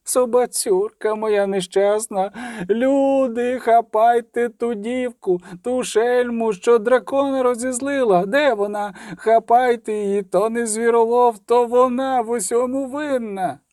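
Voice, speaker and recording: A man voicing a market trader woman wailing over her dead dog and shouting for the culprit to be seized, drawn out and shrill. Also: steady tone, unhurried, no room sound, clean studio sound. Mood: wailing, furious.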